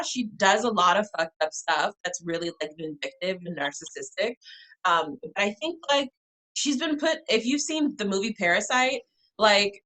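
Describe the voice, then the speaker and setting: A woman on a casual discussion panel, chatty and opinionated, making her case with quick asides. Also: mid-range voice, sharp tone, low-quality recording. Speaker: panel guest.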